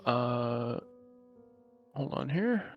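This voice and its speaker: A man acting as game master, narrating and refereeing a tabletop role-playing game in an informal, halting way. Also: mid-range voice, sing-song, muffled recording, soft background music. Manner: informal, halting while checking rules.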